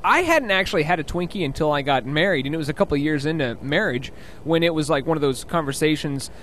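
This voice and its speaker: A man's voice: fairly high pitch, expressive, quick pace, fairly bright tone, slight background noise. A man co-hosting a radio talk show, rambling through stories with many restarts and fillers. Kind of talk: casual on-air chat.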